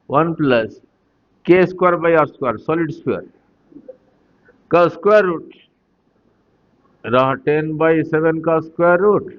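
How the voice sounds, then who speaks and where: A physics teacher lectures at a deliberate, unhurried pace, stopping often to ask the class whether they follow. His voice sits a little high for a man. The recording sounds dull and lo-fi. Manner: slow, deliberate explaining, mixing Hindi and English, asking the class questions.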